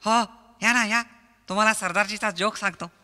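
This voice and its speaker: A man with a Marathi accent playing the straight partner in a comedy sketch, giving teasing deadpan replies. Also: high-pitched, moderate pace, long reverb tail, heavy background noise.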